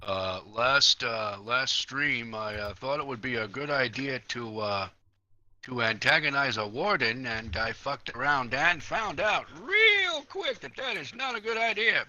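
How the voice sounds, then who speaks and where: A man with a very bright, sharp voice chats while he plays, rambling and poking fun at himself. His pitch swings around a lot and he swears offhandedly. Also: expressive, unhurried, no echo, lo-fi sound. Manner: rambling, self-mocking, swears casually. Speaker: player on the stream. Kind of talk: casual gaming livestream chat.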